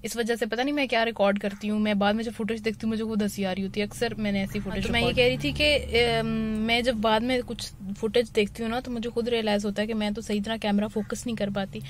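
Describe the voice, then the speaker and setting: A woman's voice: on the high side, little pitch movement, fast, few pauses. A young woman casually explaining step by step how to drive, talking into a phone she holds while she drives. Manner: explains each step plainly, slipping English phrases in. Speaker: driving vlogger. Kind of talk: casual driving tutorial. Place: inside a moving car. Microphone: phone held in one hand. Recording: car and road noise behind.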